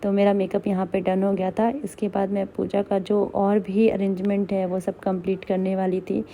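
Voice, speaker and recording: A young woman narrates her vlog in a loose, chatty voice-over. Her voice is slightly hoarse and very warm and dark. She speaks with little rise and fall and sounds worn out. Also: medium pitch, monotone, normal speed, a little hiss or hum. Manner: chatty, rambling, tired. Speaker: vlogger.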